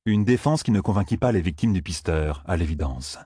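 A man narrating an audiobook in a measured storytelling manner. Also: deep voice, lively intonation, mellow, slightly rough, no room sound, clean studio sound. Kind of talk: scripted narration.

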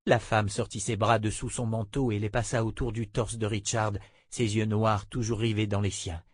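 A man narrating a fantasy audiobook in a steady, measured voice. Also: on the low side, breathy edge, no room sound, clean studio sound. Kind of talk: scripted narration.

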